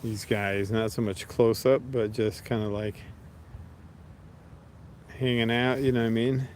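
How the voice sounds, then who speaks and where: A man chatting casually with viewers on a livestream, relaxed and rambling, talking to his pets now and then. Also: mid-range voice, a little slow, a little hiss or hum.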